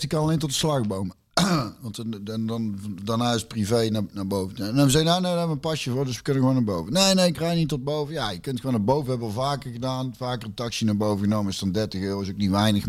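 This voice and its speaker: A man's voice: medium pitch, fast. A man talks casually in a mid-range voice. He rambles through his tale with plenty of hesitations and curses. He laughs at his own story along the way. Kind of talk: casual chat.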